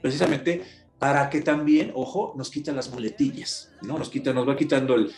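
A man, an announcer and storyteller, explaining as an interview guest in an expressive way. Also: mid-range voice. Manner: expressive, acts out examples with drawn-out cadence. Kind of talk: explanatory conversation. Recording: roomy echo.

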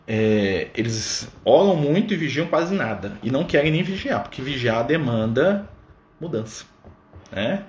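A man leading an informal religious study on a livestream. He talks conversationally and keeps checking in with his listeners. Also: mid-range voice. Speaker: spiritist study leader. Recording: echoey room with faint background noise.

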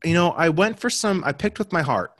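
His voice is fairly high, a bit bright and expressive, running a little fast with no echo. He's a young American man co-hosting a podcast, chatting casually about basketball results with frequent fillers and restarts.

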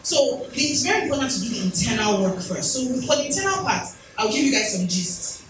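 With big swings in her fairly high pitch, a thirty-something woman talks fairly quickly through a motivational speech at an event hall. She tells personal stories and drops in chatty, self-deprecating remarks. The sound is distant, noisy and echoey.

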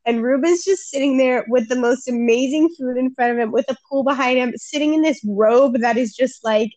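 A woman's voice: sits high, fairly quick, no room sound. A young woman co-hosting a podcast in casual chat, laughing often and acting out lines she quotes. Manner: giggly, animated, acts out quotes. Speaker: podcast co-host.

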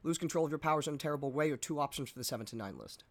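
A man's voice: a little high, expressive, rapid-fire. A man running a tabletop game as game master. He explains the rules and narrates scenes, with frequent "um"s.

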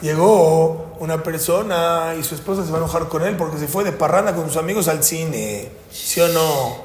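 A man teaching a Torah class as a rabbi, animated and constantly asking his listeners yes-or-no questions. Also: fairly high pitch, normal speed. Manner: animated, keeps quizzing listeners with "sí o no". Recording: echoey hall with faint noise.

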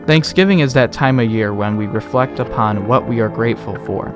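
A male news reporter giving a measured, earnest introduction and then asking interview questions. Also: medium pitch. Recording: music playing behind the voice.

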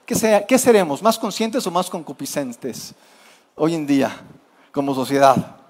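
A man's voice: a little high, sing-song, measured pace. Pastor preaching to his congregation. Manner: conversational preaching, asks the congregation questions. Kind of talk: sermon.

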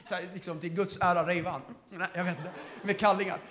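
A young man giving a lively testimony sermon, laughing often and calling out to the congregation. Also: sits high. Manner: lively storytelling, laughing often, shouts to the crowd. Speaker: preacher.

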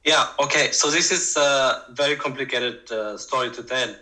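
Man with a bright voice. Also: medium pitch, normal speed, low-quality recording. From Tigray, Ethiopia. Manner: hesitant, many fillers and restarts. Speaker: guest activist. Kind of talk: interview answers.

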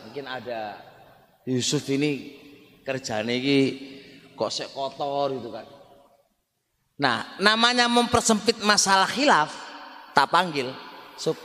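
East Javanese male teacher, high, swinging delivery, chatty lecture style, reverberant hall. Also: bright, forceful tone. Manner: conversational, repeats words, keeps addressing listeners as "Pak". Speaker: Islamic religious teacher. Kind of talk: Islamic study lecture.

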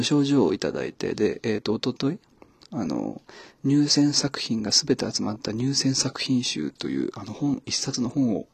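A man hosting a casual solo podcast, talking quietly and mumbling, with self-deprecating asides. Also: mid-range voice, gravelly, slightly rough, dry recording. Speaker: podcast host.

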